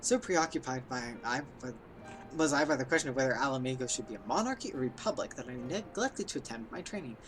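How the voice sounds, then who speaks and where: A man's voice: medium pitch, animated, quick pace, a bit bright, soft background music, close to an everyday voice. Man voicing a brooding, apologetic recruit. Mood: apologetic, musing. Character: brooding, preoccupied young recruit, apologetic and formal.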